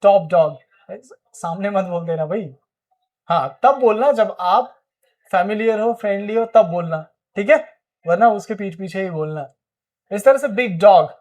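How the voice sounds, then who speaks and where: A man's voice: high-pitched, darkish tone. A man with an Indian accent teaching spoken English, explaining in Hindi and prompting viewers to repeat phrases. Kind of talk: energetic classroom-style lesson.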